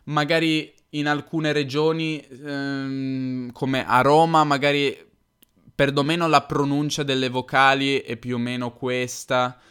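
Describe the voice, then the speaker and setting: A man from Turin with a Piedmontese accent, hosting an improvised podcast for language learners, explaining slowly and correcting himself. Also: mid-range voice, little pitch movement, a bit bright, clean tone. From Turin, Italy. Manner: unscripted, explains slowly, self-correcting and self-deprecating. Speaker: podcast host.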